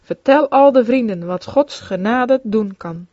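A woman's voice: a little high, expressive, a little slow, no echo. A woman voicing a dying devout woman who speaks earnestly and fervently. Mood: calm earnest. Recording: dull lo-fi recording.

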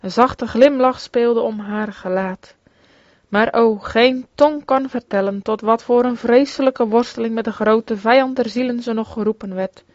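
A woman's voice: a little high, unhurried, dry recording. Solemn woman reading a religious memoir. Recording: dull dry lo-fi recording.

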